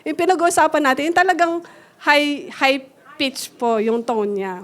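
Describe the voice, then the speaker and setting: A woman's voice: high voice, expressive, moderate pace, a bit bright. A Filipino woman giving a church sermon, talking politely and switching between Tagalog and English as she teaches with everyday examples. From Philippines. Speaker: church speaker.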